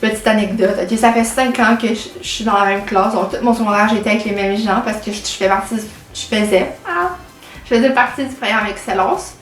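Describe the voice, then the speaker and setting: A woman's voice: medium pitch, a little fast, fairly bright tone. A teenage woman with a Québécois French accent chatting casually to camera as a vlogger, full of fillers and English words. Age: late teens. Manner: chatty, many fillers and anglicisms. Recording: echoey room with faint music.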